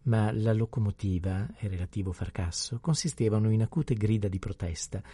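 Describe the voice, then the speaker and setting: A man calmly reading a novel aloud as an audiobook narrator. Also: lowish voice, a little fast, slightly rough, no room sound. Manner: calm, even storytelling. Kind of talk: scripted narration.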